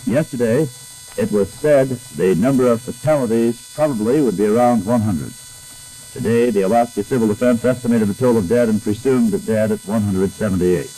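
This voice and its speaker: A man's voice: on the low side, dark tone, rough recording. A man reading wire news bulletins on air as a radio announcer, heard as an old 1960s broadcast recording with electrical hum. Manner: measured, grave, deliberate reading. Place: radio studio.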